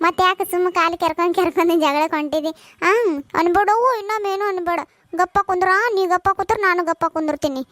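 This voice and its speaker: A woman voices a hot-tempered young village housewife from a comic cartoon, her voice pitched very high and her words tumbling out fast. She speaks with a North Karnataka Kannada accent and sounds squabbling and shrill. The recording is dry and close. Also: a bit bright, no echo. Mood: bickering.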